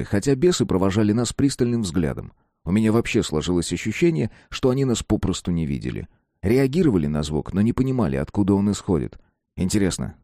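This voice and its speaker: Male audiobook narrator, low and mellow, casual slangy delivery, dry close sound. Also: no room sound. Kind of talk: first-person audiobook narration.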